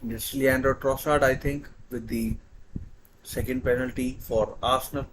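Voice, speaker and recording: A man commentating live on a football shootout as an anxious fan, halting and repeating his phrases. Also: mid-range voice, fairly even intonation, slight background noise, poor audio. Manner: halting, hesitant delivery. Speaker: football watchalong host.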